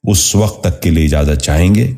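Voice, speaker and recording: A man hosting a scripted pronunciation lesson, speaking in a measured, formal way and repeating each word with care. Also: low-pitched, gravelly, mellow. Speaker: host and pronunciation teacher.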